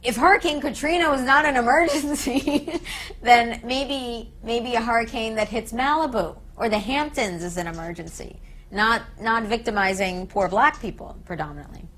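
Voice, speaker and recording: Being interviewed, this American woman, a peace activist speaker, delivers forceful political views and leans on rhetorical questions. She speaks at a normal pace in a slightly high, somewhat bright voice.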